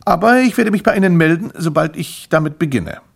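A man putting on a bright, polite young boy with big sales plans, his voice pitched well up and bouncing. A gravelly, husky grain stays under it, as in a storybook reading. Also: lively intonation, brisk, exaggerated voice. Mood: eager polite. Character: eager young boy running a toast business.

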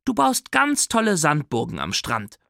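Man doing a calm firm mom, soft and low, storybook reading, dry. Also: normal speed, gravelly, no room sound, full character voice. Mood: soothing. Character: firm, caring mother.

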